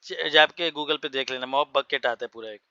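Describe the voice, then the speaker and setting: A man teaching a spoken English class for Hindi speakers, explaining words slowly and spelling them out. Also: medium pitch, pushed and bright, no echo, highs cut off.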